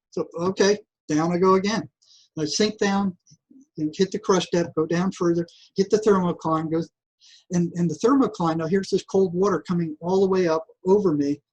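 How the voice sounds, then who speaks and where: Older man, husky voice, animated storyteller who stumbles and restarts often. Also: sits high, poor audio. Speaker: guest, psychotherapist. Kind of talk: casual interview storytelling.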